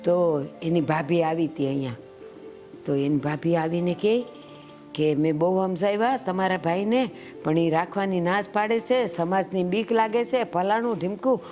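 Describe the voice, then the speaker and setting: A woman's voice: fairly low pitch, moderate pace, lightly acted. An actress playing a protective elderly village mother, speaking bluntly with a Kathiawadi Gujarati accent. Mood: confiding. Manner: scolding, blunt. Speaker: actor. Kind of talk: village family drama acting. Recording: soft music under the voice.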